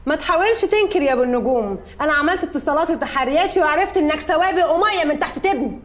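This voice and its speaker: An actress playing a pushy journalist, speaking in a cheeky manner with an Egyptian accent. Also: female voice, high voice, expressive, racing. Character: pushy young woman journalist.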